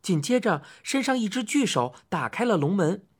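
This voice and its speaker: Lively audiobook storyteller. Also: mid-range voice, normal speed, slightly rough. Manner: plain storytelling. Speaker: audiobook narrator. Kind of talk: children's story narration.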